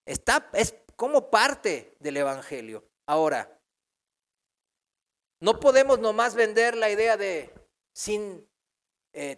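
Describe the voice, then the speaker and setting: Man preaching with emphatic, swinging loudness. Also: sits high. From not from Mexico. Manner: emphatic, asks rhetorical questions and repeats key phrases; loudness swings from strong to very soft. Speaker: pastor. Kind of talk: Bible teaching sermon. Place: church.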